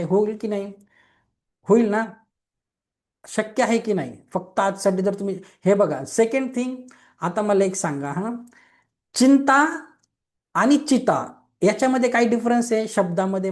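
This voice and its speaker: In a high-pitched, slightly mellow voice at a moderate pace, a young man runs a Reiki webinar through an online webinar mic. A young adult, he explains simply with questions and everyday examples and often asks his audience whether they agree.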